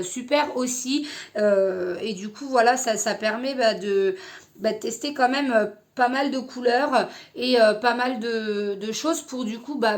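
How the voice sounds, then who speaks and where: Young female beauty vlogger, slightly high voice, chatty and halting. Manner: hesitant, many fillers. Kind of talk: casual product review.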